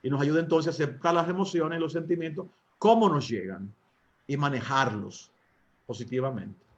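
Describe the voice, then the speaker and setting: A Dominican priest from the Dominican Republic, speaking with a Dominican Spanish accent in a slightly high voice, gives a talk teaching couples. He often hesitates with fillers and asks his listeners rhetorical questions, and the audio is dull.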